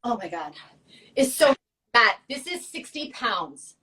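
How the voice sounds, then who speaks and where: A chatty woman with a fairly high voice, joking and laughing as she talks. She sounds a little distant, set back from the microphone. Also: big pitch swings, slow, bright, forceful tone. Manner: chatty, laughing, playful asides. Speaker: co-host. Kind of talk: casual chat.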